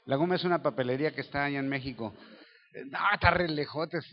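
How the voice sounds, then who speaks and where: A man's voice: on the high side, quick pace, in a large hall, highs cut off. A Mexican man preaching a sermon as pastor, telling the story vividly, acting out voices and asking the listeners questions. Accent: Mexican Spanish. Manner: lively storytelling, acts out dialogue voices, asks the audience questions.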